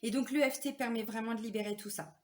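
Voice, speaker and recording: Chatty woman with a higher voice. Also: fairly even intonation, quick pace. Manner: chatty, confiding, many fillers and tag questions. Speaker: spiritual therapist and medium. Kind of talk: casual talk to camera viewers.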